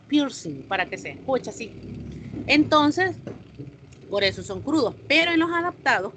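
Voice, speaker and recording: A woman's voice: on the high side, fairly bright tone, slight background noise. A woman teacher explains the lesson to her online class and stops to put questions to them.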